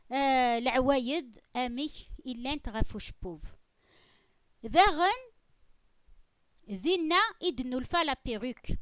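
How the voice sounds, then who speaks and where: A woman's voice: high-pitched, fairly bright tone, smooth, dry recording. A woman giving an emphatic, argumentative monologue with conviction. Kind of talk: opinionated monologue on religion and custom.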